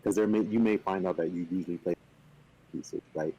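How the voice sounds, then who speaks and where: A man on a video call casually explaining a game, relaxed and playfully boastful, with lots of fillers. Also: deep voice, a little fast, slightly rough, muffled recording. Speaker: company representative teaching the game. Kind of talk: casual chat on a stream.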